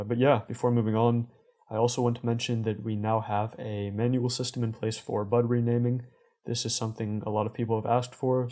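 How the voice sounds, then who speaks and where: A man hosting a community update in a conversational way, with measured, corporate phrasing. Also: lowish voice, dark tone. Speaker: host of community update show.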